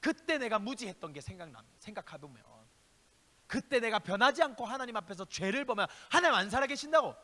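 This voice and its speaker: Male youth pastor, high lively voice, bright and sharp; impassioned, rhetorical questions, long church reverb. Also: quick pace. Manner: impassioned preaching, shifting between loud exhortation and hushed asides; speaks directly to listeners with rhetorical questions. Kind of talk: youth sermon. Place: church sanctuary.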